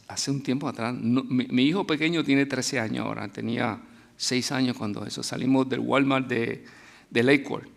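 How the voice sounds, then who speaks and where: A man's voice: medium pitch, gravelly. A middle-aged man preaching a sermon as a guest speaker, telling stories in a conversational way with restarts and asides.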